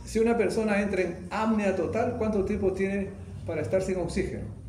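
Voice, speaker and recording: A man's voice: sits high, brisk, darkish tone. Middle-aged man lecturing in an echoey room. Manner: keeps asking ¿no? and ¿no es cierto? to check on students. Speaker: anesthesiology lecturer. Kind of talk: classroom lecture. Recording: echoey classroom with faint background noise.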